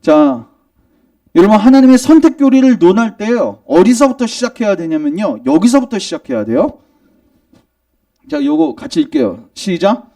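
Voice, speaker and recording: A man preaching in a church sanctuary, his pitch set high and swinging widely as he puts questions to the congregation and answers them himself. His tone is dark and mellow, and he presses hard on each point. The voice is picked up from some distance away. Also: big pitch swings, normal speed. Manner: emphatic, rising in argument. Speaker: pastor. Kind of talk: sermon.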